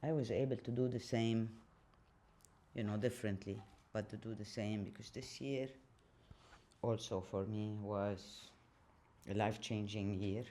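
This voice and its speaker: A man speaking an unscripted personal monologue while washing dishes, reflective and hesitant, with frequent pauses. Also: fairly low pitch, fairly even intonation, warm tone. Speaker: channel host.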